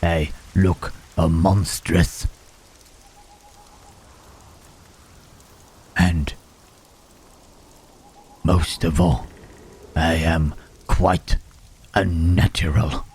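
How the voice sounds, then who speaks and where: A man playing Frankenstein's monster in an ASMR roleplay, a gentle, melancholy reanimated creature who speaks in a hushed, halting, formal way. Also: low-pitched, breathy edge, exaggerated voice. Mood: brooding, melancholy.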